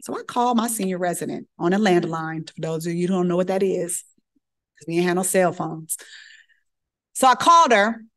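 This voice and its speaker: A middle-aged woman physician giving a lecture as a lively, colloquial personal story, acting out the voices she quotes. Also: fairly low pitch, fairly quick.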